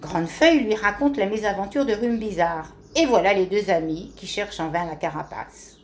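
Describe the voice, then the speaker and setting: A woman reading a children's story aloud in a gentle, expressive way. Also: medium pitch, normal speed, a little hiss or hum.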